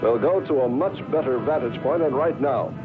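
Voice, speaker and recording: An actor playing a commanding space explorer in a dubbed 1960s science-fiction film. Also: male voice, mid-range voice, moderate pace, close to an everyday voice. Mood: urgent. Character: commanding male space explorer on a hostile planet. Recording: dull old film soundtrack with loud music.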